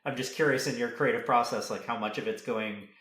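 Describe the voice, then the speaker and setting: This podcast interviewer has a mid-range, fairly bright voice and speaks fairly quickly. He keeps things casual, encouraging his guest and framing questions in a loose, tentative way, and the sound is roomy and echoey.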